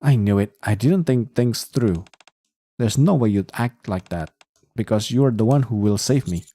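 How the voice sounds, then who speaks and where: A man voicing an anxious, clingy young woman who pleads and apologizes over and over, in a low, mellow voice. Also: animated, normal speed, no echo. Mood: relieved.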